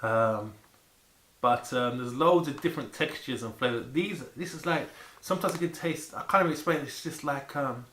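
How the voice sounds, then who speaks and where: Bright-voiced man in an echoey room. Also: medium pitch, moderate pace. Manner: animated, exclamatory, repeating words for emphasis. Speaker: vlogger presenting food to camera. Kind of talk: casual rambling food chat to camera. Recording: echoey room with faint background noise.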